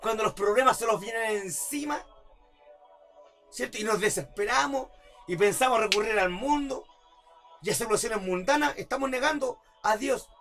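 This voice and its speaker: At a church service, a pastor preaches his sermon over soft background music, repeating rhetorical questions and building to emphatic outbursts. His high voice is a bit bright, at a moderate pace.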